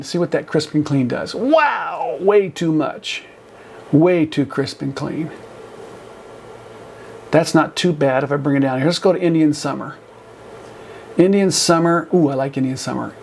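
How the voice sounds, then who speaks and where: A man talks through a photo editing tutorial in a loose, conversational way, often restarting his sentences. His voice sits a little higher than most men's. There is a faint hum of room ambience behind him. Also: darkish tone. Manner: rambling, self-correcting, conversational. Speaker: photography instructor. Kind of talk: screen-recorded software tutorial.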